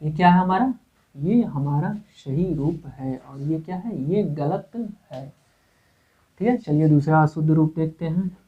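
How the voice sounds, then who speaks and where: Slow, repetitive male grammar teacher. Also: a little high, slightly rough. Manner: repeats words, asks rhetorical questions, frequent "okay". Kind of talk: exam-prep grammar lecture. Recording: tinny phone-like lo-fi audio.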